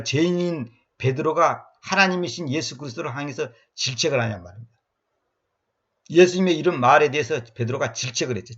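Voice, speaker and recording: A man giving an expository Bible lecture in an emphatic way, repeating words and acting out quotes with sudden jumps in pitch. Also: a bit bright, slightly rough, highs cut off. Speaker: Bible teacher.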